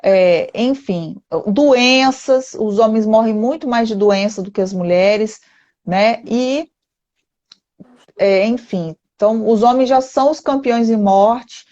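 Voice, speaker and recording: A woman's voice: on the high side, takes it slowly, a little mellow, dull audio. A woman with a Brazilian Portuguese accent, hosting a live-stream interview as a therapist and speaking earnestly, often ending points with "né?". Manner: earnest, emphatic, with frequent "né?" tags.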